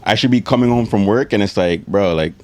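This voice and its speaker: Young Toronto-accented man, podcast co-host, slangy, easygoing, lowish voice. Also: a little fast, darkish tone, slight background noise. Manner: laid-back slangy, lots of fillers. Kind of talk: casual podcast chat.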